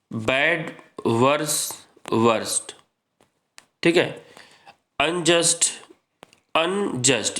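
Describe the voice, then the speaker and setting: Man, teacher, exam-prep grammar lesson, slow unhurried delivery, repeats points, calls students friends. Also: a little high, a bit bright. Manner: slow, repetitive explaining, addressing students as friends.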